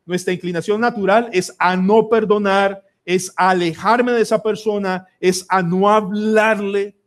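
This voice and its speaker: A Colombian man preaching a sermon as pastor, emphatic and pleading, putting question after question to the congregation. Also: high-pitched. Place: church sanctuary.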